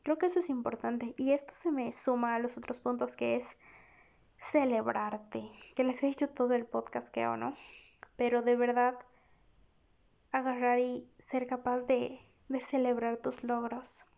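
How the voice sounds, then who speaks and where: A young woman, hosting a self-help podcast as a therapist, speaking in an encouraging way with soft asides. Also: fairly high pitch, fairly even intonation, normal speed, vocal fry, few pauses, highs cut off.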